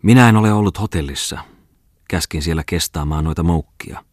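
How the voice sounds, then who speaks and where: A man's voice: deep voice, dry recording, clean studio sound. A man reading aloud and voicing a drunk, distraught middle-aged clerk who speaks in a trembling, whining way. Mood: agitated.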